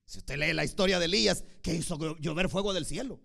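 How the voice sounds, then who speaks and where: A man preaching a sermon, emphatic, swinging between loud declarations and soft asides. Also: on the high side, fast, gravelly.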